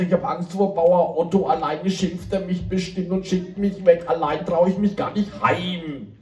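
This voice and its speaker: A man doing a chatty puppet boy for kids. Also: sits high. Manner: chatty, addresses children directly, lively storyteller. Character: friendly, chatty young male puppet character. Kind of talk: live puppet theater for children. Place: indoor kindergarten room. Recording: echoey room from far off, with guitar music.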